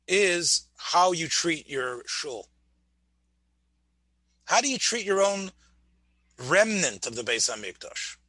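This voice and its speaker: A man's voice: sits high, bright, forceful tone, dry recording. A man teaching a Torah class, often restarting words, asking his listeners questions and mixing Hebrew phrases into his English. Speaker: rabbi lecturer.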